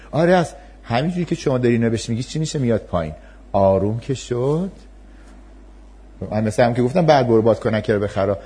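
A man's voice: mid-range voice, dark tone, husky. A man giving an explanatory talk to an audience on parenting and empathy, acting out parent and child voices in his examples.

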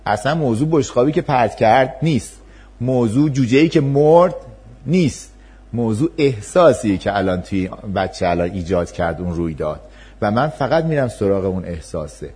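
A man's voice: fairly low pitch, expressive, dark tone, slightly rough. A man giving an explanatory talk to an audience on parenting and empathy, acting out parent and child voices in his examples.

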